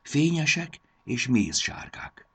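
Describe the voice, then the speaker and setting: A man's voice: medium pitch, expressive, pushed and bright, husky, voice pushed up, heavily acted. A man voicing a small, frightened young girl who speaks timidly. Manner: timid and breathless.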